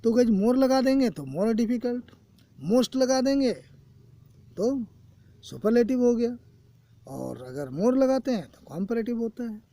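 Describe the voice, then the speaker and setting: High mellow guy explaining grammar slow, keeps saying guys, dry sound. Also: lively intonation, dry recording. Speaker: English teacher. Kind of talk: recorded classroom lesson. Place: coaching classroom.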